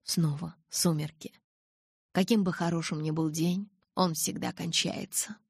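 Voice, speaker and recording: Husky low-voiced woman narrator. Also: fairly even intonation, a little slow, no room sound, studio quality. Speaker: audiobook narrator. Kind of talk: scripted first-person novel narration.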